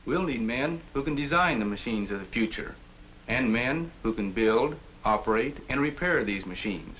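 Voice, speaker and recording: An actor playing an earnest shop teacher in a formal, measured 1950s educational film narrator manner. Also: male voice, mid-range voice, expressive, a bit bright, a little hiss or hum, natural voice, poor audio. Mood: earnest, instructive. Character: earnest adult male shop teacher advising a student.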